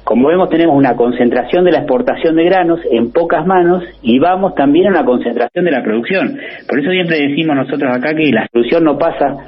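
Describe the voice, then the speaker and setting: A man's voice: a little high, quick pace, dull audio. A man presenting his weekly agronomy column on a radio show, earnest and informative, with frequent filler sounds. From Argentina. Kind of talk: radio column, explanatory talk.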